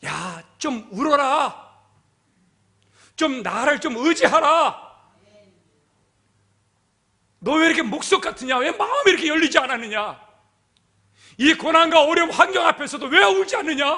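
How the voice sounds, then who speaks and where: A man's voice: very high-pitched, animated, moderate pace, sharp tone, pitched above the performer's own voice, full character voice. A man voicing God as a pleading, stern father. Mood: pleading rebuke. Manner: rebuking with repeated questions.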